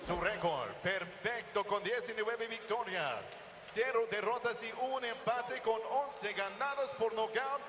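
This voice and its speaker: High, booming male lucha libre-style ring announcer. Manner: booming showman delivery with drawn-out names, like a lucha libre announcer. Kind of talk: bilingual Spanish and English ring announcing. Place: boxing ring in an indoor arena. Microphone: handheld microphone. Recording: echoey arena PA, dull, crowd noise.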